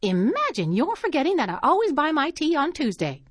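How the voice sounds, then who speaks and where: A woman's voice: high-pitched, huge pitch swings, brisk, no room sound, voice pushed up. A woman reading aloud and voicing a prim, gossipy older spinster with genteel, tartly dry manners.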